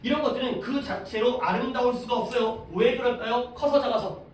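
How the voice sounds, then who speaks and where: Here the high school English teacher's pitch is extremely high and his delivery brisk. He teaches a reading lesson, breaking it down step by step and quizzing the class, in an echoey room picked up by a distant mic over faint background noise.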